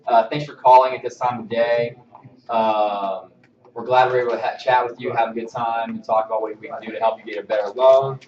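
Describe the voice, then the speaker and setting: In a training room with a projection screen, a male mortgage loan officer haltingly and informally walks staff through email templates. His medium-pitched voice is steady and darkish. The far camera microphone makes the audio distant, roomy, and slightly dull.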